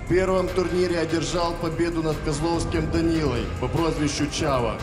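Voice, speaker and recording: A man working as a ring announcer, formally introducing fighters with measured, projected delivery. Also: fairly high pitch. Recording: echoey hall PA with music.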